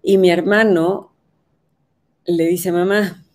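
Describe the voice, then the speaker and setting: A woman's voice: on the low side, normal speed, mellow, a little hiss or hum. A woman, telling a personal story as a parenting educator in a conversational way that often checks in with the listener. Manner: conversational, asks listeners for agreement.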